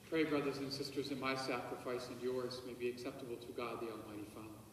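In a vast, echoing church, a distant camera records a male priest at the altar celebrating Mass. His mid-range voice has a flat delivery as he solemnly and deliberately recites the liturgy, murmuring private prayers under his breath. A faint hiss sits in the background.

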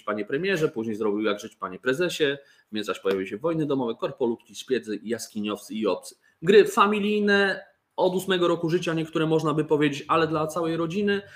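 Guy showing off board games, joking around, lots of ums and restarts, mid-pitched voice. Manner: chatty, joking, with fillers and restarts. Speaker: toy company presenter. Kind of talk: casual product presentation.

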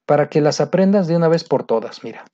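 In a recorded lesson, an English teacher explains grammar patiently, repeating points and often checking that the student is following. The voice is medium-pitched with lively intonation, fast, and dark in tone, with the highs cut off.

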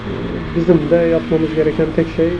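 A man's voice: fairly high pitch, level tone, a little fast. A man chatting casually and thinking aloud as he rides a motorcycle, his voice muffled inside a helmet. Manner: thinking aloud, commenting on the traffic. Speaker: motorcycle vlogger. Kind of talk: casual chat while riding. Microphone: microphone inside the helmet. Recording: muffled helmet mic, loud wind and engine noise. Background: wind, engine and traffic noise.

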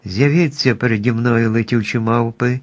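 A man's voice: medium pitch, moderate pace, close to an everyday voice. Eager brave little girl calling out to her friends, storybook heroine, as a guy reading aloud does her. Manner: eager, exclaiming.

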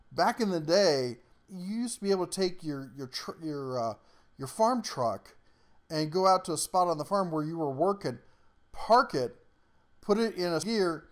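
A man hosting a tool review channel, talking through products in a folksy, rambling way with frequent chuckles and workshop slang. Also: on the high side. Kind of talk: casual product rundown.

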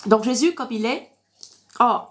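Her pitch is fairly high and her tone fairly bright, though her blocked nose makes her sound congested. This online preacher speaks a little slowly on a livestream, reading verses and teaching the Bible informally, repeating herself didactically and dropping in amens between points.

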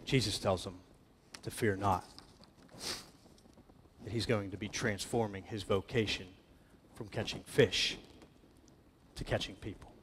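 A man preaching a sermon as pastor, with a dramatic delivery that swings between loud emphatic passages and hushed ones. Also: mid-range voice, a little hiss or hum. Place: church hall. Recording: church hall with long reverb.

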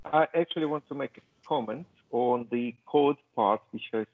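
A man's voice: medium pitch, normal speed, no room sound. A man attending an online meetup, commenting hesitantly and repeating his words. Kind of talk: casual question. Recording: tinny phone-like call audio.

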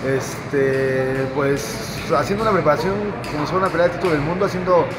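A man's voice: on the high side, fairly quick, heavy background noise. A man in his thirties with a Mexican accent, a boxing trainer answering interview questions in a gym, talking freely with many fillers and restarts. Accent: Mexican Spanish. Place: boxing gym, indoors, in front of a banner.

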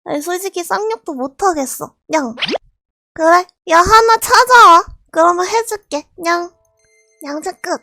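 A woman streaming a game live, scolding and laughing at her viewers in a loud, shouty way. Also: very high voice, unhurried, vocal fry, no echo.

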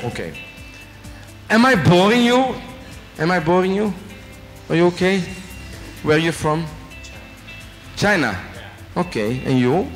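A middle-aged Belgian executive with a French accent and a fairly high voice gives a chatty, joking guest lecture on business to students in a large hotel function room. Holding a handheld mic, he questions the audience and ends sentences with "eh?". The big hall adds long reverb, with faint music behind.

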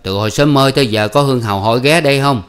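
A man voicing a naive slow-witted farmer. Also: mid-range voice, smooth, voice pushed up, lightly acted. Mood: puzzled. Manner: puzzled, naive questioning.

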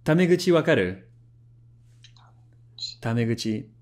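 A man's voice: medium pitch, slow. A man in his thirties from France, a YouTube host, chatting friendly on a phone call and to camera in his living room, laughing often. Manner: friendly and lively, laughs often, switches languages. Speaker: YouTube host reviewing a language app. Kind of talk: casual phone chat and presenting to camera.

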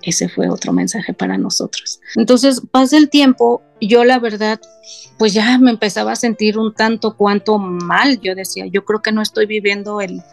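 A woman's voice: medium pitch, expressive, moderate pace, creaky, no room sound, soft background music. A middle-aged woman, a guest in an interview, telling an emotional personal story and quoting her family as she goes. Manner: retells scenes by quoting family in her own voice.

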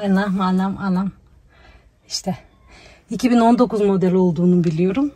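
A woman's voice: medium pitch, normal speed, warm tone. A woman chatting casually to the camera in a vlog, cooing at a dog now and then. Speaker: vlogger. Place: home kitchen and outdoors.

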